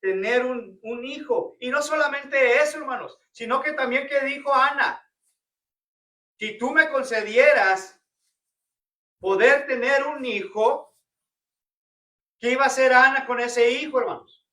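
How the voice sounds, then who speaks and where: A man leads a Bible study in a church, constantly putting questions to the room and addressing everyone as brothers. His voice is very high and bright. It comes across from some way off, with a roomy echo. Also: a little slow, long pauses. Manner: questioning the congregation often, repeating "hermanos". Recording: roomy church hall, picked up from a distance.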